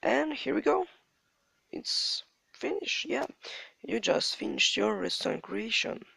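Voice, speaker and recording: A native Ukrainian speaker with a Ukrainian accent narrates a step-by-step game tutorial in halting English, repeating stock phrases. His heavily gravelly, fried voice is bright and sharp, swinging widely in pitch with a sing-song quality. He speaks slowly, and the recording is dry and close.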